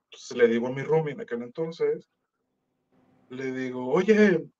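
A man's voice: medium pitch, normal speed, muffled recording. A man with a Mexican Spanish accent telling a personal story in casual, slangy talk, acting out the voices of other people. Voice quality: slangy, animated, acts out quoted voices. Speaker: musician telling his story.

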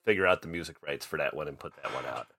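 A man's voice: a bass voice, very fast, bright, forceful tone. A man co-hosting a podcast with casual talk about films. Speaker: podcast co-host.

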